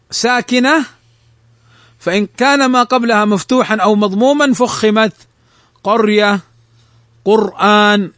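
High-voiced man teaching recitation rules. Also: fairly bright tone, no echo, clean studio sound. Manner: explains step by step, slowly recites and repeats the example words. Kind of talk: lesson on tajweed rules.

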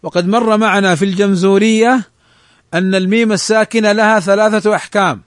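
A man teaching the rules of Quran recitation, explaining a text and slowly reciting examples to show each rule. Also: high-pitched, fairly even intonation, no echo, studio quality. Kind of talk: tajweed lesson explaining a text.

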